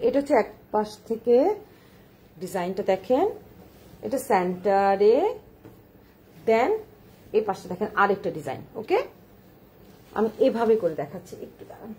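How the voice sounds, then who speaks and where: This online shawl seller's voice is a bit high and a bit mellow, carrying a slight hiss or hum. She presents shawls in a chatty live-stream showcase, saying things more than once, telling viewers to take a close look, and dropping in English words.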